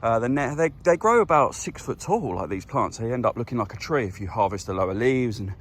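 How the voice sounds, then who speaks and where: A man, a vegetable grower chatting casually through a farm vlog, relaxed and explaining things as he works outdoors. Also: mid-range voice, a little fast.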